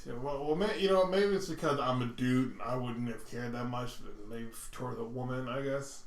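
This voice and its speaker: A man's voice: mid-range voice, a little fast, echoey room. A man co-hosting a casual podcast chat, telling stories emphatically. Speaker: podcast co-host.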